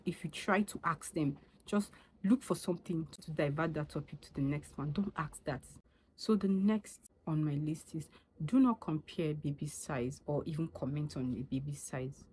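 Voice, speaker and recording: A woman's voice: deep voice, mellow, slight background noise. A Nigerian woman, a young mother, talking casually to camera in an emphatic, lecturing way that repeats her points. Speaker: vlogger and new mother. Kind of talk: casual opinion vlog to camera.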